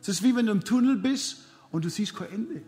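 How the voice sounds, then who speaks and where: A preacher tells a dramatic story from the pulpit, counting the hours out one by one and turning to his listeners directly. His voice sits high for a man. Soft music plays faintly behind him. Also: expressive, fairly quick. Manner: dramatic retelling with repeated counting; addresses the congregation directly. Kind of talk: sermon storytelling.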